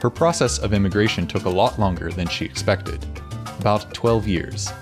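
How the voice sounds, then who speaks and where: A man hosting a radio program, reading a scripted introduction in a measured, even way. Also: fairly low pitch. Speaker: radio show host. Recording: with background music. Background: background music.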